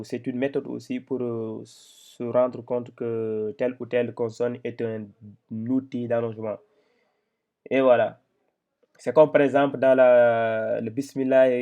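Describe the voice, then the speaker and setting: A man giving a patient reading lesson, slowly sounding out each syllable and repeating it. He talks at an unhurried, deliberate pace with a mid-range voice. He often hesitates and restarts while explaining. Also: medium pitch, a little mellow, muffled recording. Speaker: Quran reading teacher. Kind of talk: slow step-by-step lesson.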